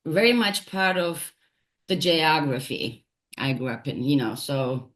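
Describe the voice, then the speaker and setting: Low-voiced thoughtful woman from Turkey. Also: lively intonation, fairly bright tone. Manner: thoughtful, halting, with frequent fillers and restarts. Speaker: guest, poet and translator. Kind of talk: reflective interview conversation.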